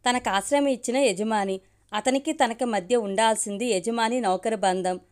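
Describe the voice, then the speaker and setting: A woman reading a family story aloud as a storyteller, in an expressive, emotional way. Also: on the high side, moderate pace.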